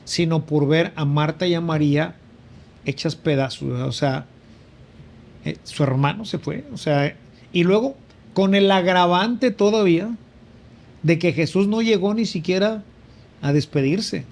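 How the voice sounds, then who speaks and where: Reflective man, fairly high voice. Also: a little slow, vocal fry, long pauses, darkish tone. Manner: reflective, with frequent fillers and emphatic rises. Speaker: priest. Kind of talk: conversational spiritual reflection.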